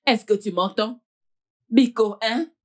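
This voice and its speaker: A woman dubbing a mother who begs her angry children to calm down, in a French film dub. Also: fairly high pitch, takes it slowly. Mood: pleading. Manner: pleading, soothing.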